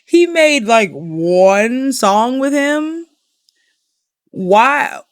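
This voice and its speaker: A young woman giving an indignant commentary rant, piling up rhetorical questions and filling pauses with "like". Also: on the high side, expressive, dry recording. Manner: indignant, exasperated, repeats herself with rhetorical questions; heavy use of "like" as filler. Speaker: commentary vlogger.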